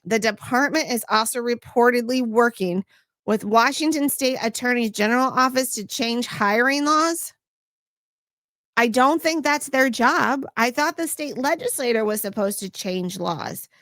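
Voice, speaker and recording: A woman's voice: a little high, animated, measured pace, a bit bright, no echo, studio quality. A woman hosting a livestream, reading news stories aloud and adding sarcastic asides for her chat. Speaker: host.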